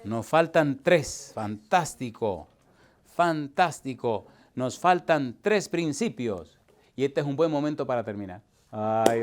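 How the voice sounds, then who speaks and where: A man, a pastor teaching a preaching seminar to a live audience, asking constant call-and-response questions and swinging from loud to hushed. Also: medium pitch. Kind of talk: lively seminar sermon. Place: church hall with live audience.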